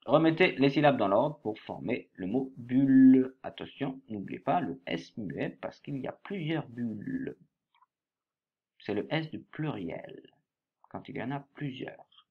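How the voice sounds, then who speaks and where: A man gives a workbook lesson to young children at a middle pitch. He talks slowly and spells words letter by letter, and the audio is slightly dull and lo-fi. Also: lively intonation, slightly rough. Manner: slow, spells words letter by letter and stresses each syllable. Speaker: teacher.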